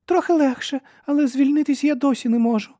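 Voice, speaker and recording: Small female cat, put on by a male reader: high, squeaky, nervous. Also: brisk, mellow, no room sound, studio quality. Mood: pained.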